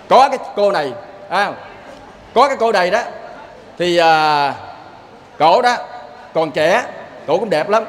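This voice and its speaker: A man's voice: high voice, slight background noise. A man with a Southern Vietnamese accent giving a sermon as a lay preacher, folksy and storytelling, often turning to the listeners with a question. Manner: folksy, keeps asking "see?" of the listeners.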